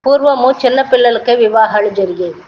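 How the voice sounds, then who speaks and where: A woman recites classical verses in a slow sing-song chant and then explains their meaning in plain speech. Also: on the high side. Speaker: poetry explainer. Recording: dull lo-fi audio with faint noise.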